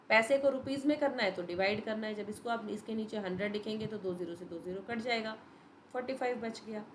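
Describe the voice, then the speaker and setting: A woman's voice: fairly high pitch, background noise. A woman teacher giving a patient, step-by-step revision lesson to young students, mixing Hindi and English. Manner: patient, explains step by step, addresses students as beta.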